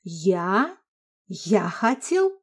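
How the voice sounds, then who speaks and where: A woman reading the part of a calm adult husband who speaks gently and persuasively. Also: on the high side, unhurried, natural voice. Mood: soothing. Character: calm adult male husband, soothing and patient.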